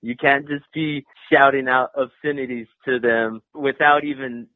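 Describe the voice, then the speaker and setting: A man, a graffiti artist guest, telling stories in a casual interview, animated and swearing freely. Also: medium pitch, moderate pace, dry recording. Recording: tinny phone-like line, dry.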